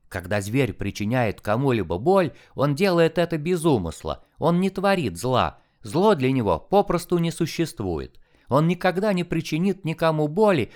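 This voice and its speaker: A man reading an audiobook and voicing a calm, scornful male angel who lectures in a measured, contemptuous way. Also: medium pitch, lightly acted.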